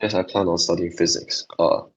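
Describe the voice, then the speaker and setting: A man's voice: sits low, steady tone, fairly quick, slightly rough, poor audio. A young man hosting an online physics revision session, talking casually, answering chat questions and often repeating and restarting his phrases.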